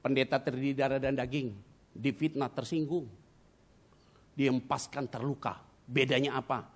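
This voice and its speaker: A middle-aged man preaches at mid pitch, sliding from quiet confiding passages into sudden loud, emotional outbursts. He tells his own story in a vivid, dramatic way and drops English words into his speech. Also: steady tone, moderate pace. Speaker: pastor. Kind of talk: sermon.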